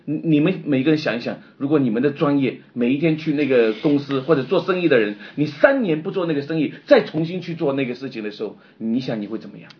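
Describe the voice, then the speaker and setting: A man preaching a sermon, impassioned and confessional, swinging between loud outbursts and quiet, subdued stretches. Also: mid-range voice, expressive, quick pace, few pauses, dull audio. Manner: personal and confessional, retelling his own despair.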